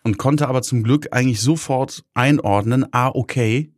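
A man in casual conversation as a podcast co-host, talking in a calm, reflective way. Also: mid-range voice, normal speed, no room sound, clean studio sound. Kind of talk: casual chat.

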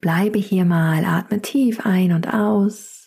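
Soft-spoken woman guiding a yoga class. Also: lowish voice, takes it slowly, vocal fry, breathy edge. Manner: calm instructive cueing with breath counts. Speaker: yoga instructor. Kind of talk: guided chair yoga class.

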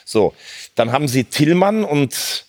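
A football reporter telling stories in a casual chat, animated and full of fillers and restarts. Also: male voice, on the high side, unhurried.

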